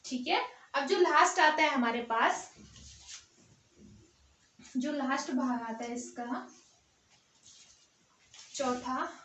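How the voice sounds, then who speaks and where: A woman's voice: high-pitched, slow, long pauses, a bit bright, distant mic, slight background noise. A woman teacher giving a grammar lesson, explaining step by step and answering her own questions. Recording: echoey room, voice off-mic.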